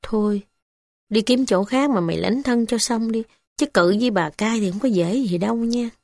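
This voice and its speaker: A woman's voice: on the high side, a little mellow, dry recording, clean studio sound, lightly acted. Woman doing a timid village official man. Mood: resigned. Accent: Southern Vietnamese. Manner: pleading, slow, apologetic. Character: timid middle-aged male village official, hand-wringing.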